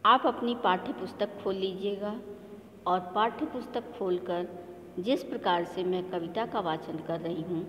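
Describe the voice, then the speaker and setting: A woman teaching a school lesson to children, slowly and deliberately explaining a poem and its word meanings. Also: medium pitch, a little hiss or hum. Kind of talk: Hindi class lesson, reciting a poem. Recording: echoey room with faint ambience.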